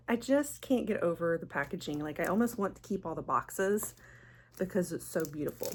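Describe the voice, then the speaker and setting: A woman's voice: medium pitch, a bit bright, slight background noise. A woman hosting a casual, chatty fragrance review vlog in a gushing, enthusiastic manner. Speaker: fragrance vlogger, channel host.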